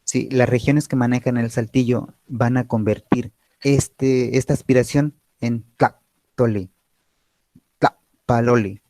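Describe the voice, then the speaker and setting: A man with a Mexican Spanish accent, a Nahuatl-speaking teacher, patiently explains sounds at an online panel, pausing often with fillers and checking "¿sí?" with his listeners. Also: mid-range voice, level tone, warm tone, no echo.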